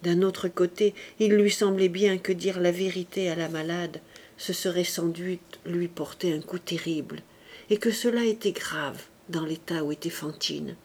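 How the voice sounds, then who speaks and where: A woman narrating a classic novel as an audiobook, measured and expressive. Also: lowish voice. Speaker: audiobook reader.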